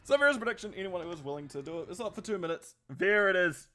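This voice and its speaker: A man casting a live esports match, excitable and chatty, with quick laughs between his play-by-play calls. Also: high-pitched. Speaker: esports caster.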